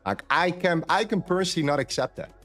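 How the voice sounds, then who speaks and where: A man's voice: fairly high pitch, fast talker, a bit bright, soft background music. A man from the Netherlands, chatting candidly on a trading live stream and repeating phrases for emphasis. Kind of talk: casual chat on a live stream.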